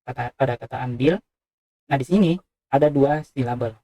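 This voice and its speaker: A man's voice: medium pitch, dark tone. Man lecturing with many "eh" fillers. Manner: measured, explanatory, frequent "eh" fillers and "nah". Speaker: university lecturer. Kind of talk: recorded lecture on speech sounds.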